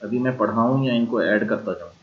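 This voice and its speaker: A man with a Pakistani accent teaching an online language class, slowly drilling and repeating sounds. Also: fairly low pitch, muffled recording. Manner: slow repeated drilling of tones.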